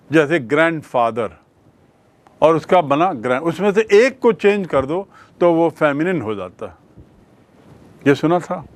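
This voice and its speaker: A male teacher with an Indian accent giving a grammar lecture, slowing right down on English example sentences and asking the class whether it is clear. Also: a little high. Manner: slows to a crawl on English example sentences, quick in Hindi; explanatory, asks the class questions.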